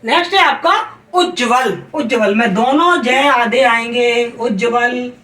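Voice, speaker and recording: Lady hindi teacher going over spelling rules, high voice, kinda far off in an echoey room. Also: measured pace, a bit bright. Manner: emphatic, repeats rules, checks with "clear?"; calls students "beta". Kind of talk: exam-prep lesson. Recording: roomy sound from a distance.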